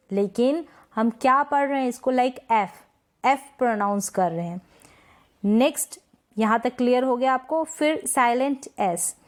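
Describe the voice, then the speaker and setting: Slow, careful woman teacher. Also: a little high. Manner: repeats each word, asks and answers her own questions. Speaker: English pronunciation teacher. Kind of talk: slow explanatory lesson.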